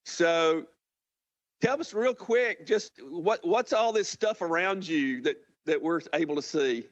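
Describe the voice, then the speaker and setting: A man hosting a live link-up as a university president, informal and a bit halting as he restarts his questions. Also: on the high side, no echo. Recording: dull, muffled event audio.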